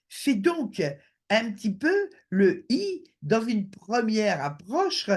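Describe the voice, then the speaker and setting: A man giving an online lecture over a video call, hesitant with many filler sounds. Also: high voice.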